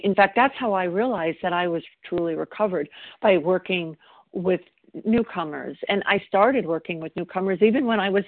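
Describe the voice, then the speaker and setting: Lowish-voiced woman sharing over the phone. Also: no echo. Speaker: member sharing at a recovery meeting. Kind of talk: reflective personal sharing. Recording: dry, tinny phone line.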